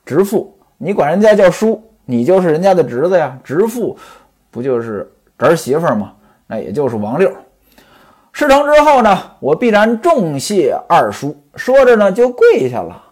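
A man's voice: high-pitched, huge pitch swings, moderate pace, darkish tone, slightly rough. A man telling a classic tale in traditional storytelling style, chatty and stopping to explain old customs to his listeners.

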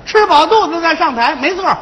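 A man's voice: extremely high pitch, expressive, quick pace, fairly bright tone, big-room sound, low-quality recording. A man performing comic stage dialogue, bantering with indignant, defensive retorts. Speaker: crosstalk comedian.

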